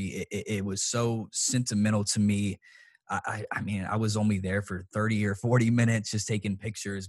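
A man with a very low, husky voice speaks in a casual sports talk, choked up and halting as he circles back over his words. He restarts sentences often and swears casually. The recording is close and dry. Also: no room sound. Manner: halting, many restarts and fillers.

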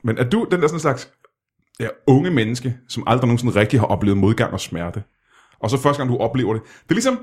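A man's voice: mid-range voice, very animated, darkish tone, husky. Teasing male chat host. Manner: teasing interviewer, asks pointed questions. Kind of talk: casual chat.

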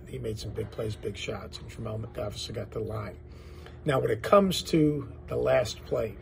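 A man's voice: mid-range voice, creaky, darkish tone, slight background noise. A man giving emphatic post-game sports commentary as an analyst, building points through repetition.

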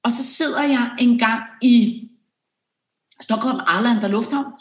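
A woman's voice: a little high, echoey room. A woman co-hosting a podcast in casual chat, who listens with short replies and reads out the topics. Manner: brief backchannels, reads the episode topics aloud. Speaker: podcast co-host.

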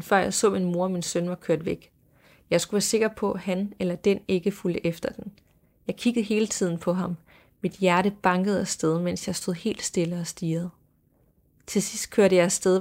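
A woman hosting a storytelling podcast reads eerie accounts aloud at a measured, hushed pace. Her voice sits at an ordinary pitch for a woman but carries a steady gravelly fry. At times she drops to a soft whisper. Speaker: podcast host.

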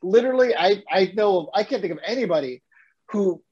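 A man's voice: sits high, a little fast, breathy edge, lo-fi sound. A man co-hosting a casual sports podcast, ranting with energy and the odd curse. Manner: animated, swears, rants. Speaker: podcast co-host.

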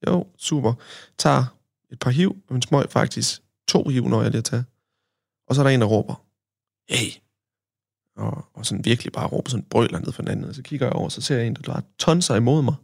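Man, from Denmark, podcast guest, casual storytelling, fillers and tag questions, creaky voice. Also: mid-range voice, darkish tone, no room sound, clean studio sound.

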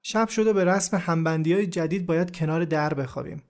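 A man narrates a true first-person story for a podcast in an even, reflective, scripted way. His voice sits slightly above the usual male pitch, and his delivery stays calm and measured throughout.

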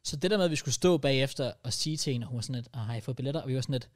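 Young Danish man, casual podcast co-host, mid-pitched voice, loose and lively storyteller. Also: no echo, studio quality. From Denmark. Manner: lively, swears casually, mixes in English. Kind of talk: casual chat.

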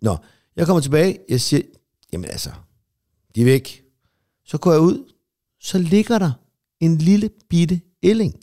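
A man's voice: fairly high pitch, lively intonation, pauses often, dark tone. A middle-aged man co-hosting a podcast, telling rambling anecdotes in casual chat with plenty of swearing. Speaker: podcast co-host.

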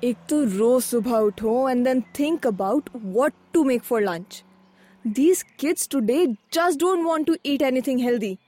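A woman's voice: high voice, lively intonation, fairly quick, warm tone. A woman with an Indian accent playing a curious, harried mother in a scripted chat, exclaiming and asking questions in mixed Hindi and English. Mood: exasperated. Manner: exclamatory, inquisitive, Hindi-English code-switching. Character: curious, harried mother seeking lunchbox ideas from a friend. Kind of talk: scripted conversational dialogue. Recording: music bed under the voice.

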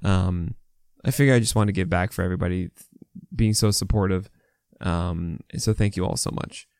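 Gravelly American man with a swollen mouth. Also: deep voice, moderate pace, a little mellow, no echo, studio quality. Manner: casual, opinionated rundown with frequent asides. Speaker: fantasy baseball podcast host. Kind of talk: unscripted sports podcast commentary.

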